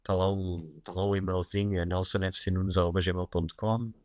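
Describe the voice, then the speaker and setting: A man with a fairly low voice and a European Portuguese accent talks about writing, easygoing and a little self-mocking. He rambles comfortably with casual fillers. The sound is dry and close, with no room around it. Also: moderate pace, no room sound. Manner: relaxed, chatty, self-deprecating, with many fillers like "pá". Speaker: guest writer and writing teacher. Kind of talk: casual interview conversation.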